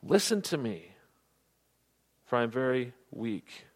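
A man preaching a sermon, earnest, often dropping to soft, low tones for emphasis. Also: very animated, takes it slowly. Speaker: pastor.

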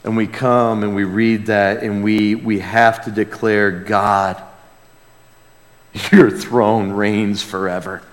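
A man with a lowish voice preaches slowly and with a flat delivery. As a pastor giving a conversational sermon with call and response, he's earnest and exclamatory, often repeating phrases for emphasis, and a large hall's long reverb colors the recording.

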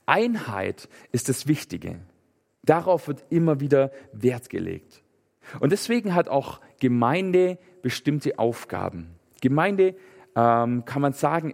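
A man's voice: medium pitch, creaky, darkish tone, big-room sound. A male pastor giving a sermon in an earnest, conversational way, with fillers and restarts.

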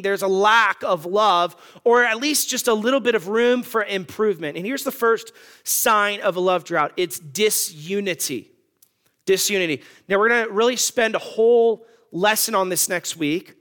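Preaching on marriage, a pastor in his thirties asks his congregation questions and cracks jokes in a conversational style. His voice is high, with a sharp, clean tone.

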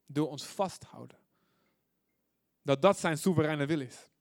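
A man preaching a sermon, reading scripture out loud with force and dropping to quiet asides, often putting questions to his listeners. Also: a little high, unhurried, no room sound, studio quality. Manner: asks the audience questions often.

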